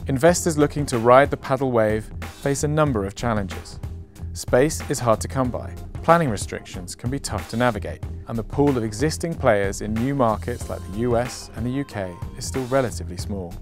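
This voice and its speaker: A man giving measured, scripted news narration as a voice-over. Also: mid-range voice. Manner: measured, informative.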